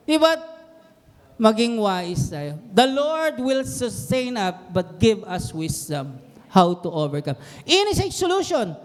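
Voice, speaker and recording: Man, church preacher, high-pitched, swooping delivery, quizzes the congregation, echoing church hall. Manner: animated, mixes English into Tagalog, quizzes the congregation. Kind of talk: sermon. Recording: long hall reverb.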